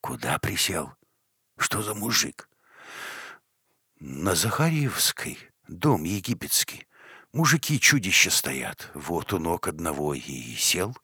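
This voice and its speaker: A man's voice: low-pitched, very animated, slow pace, pushed and bright, breathy edge, no echo, studio quality, pitched above the performer's own voice, heavily acted. A man voicing a confused, defensive middle-aged working man in an audiobook story. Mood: bewildered.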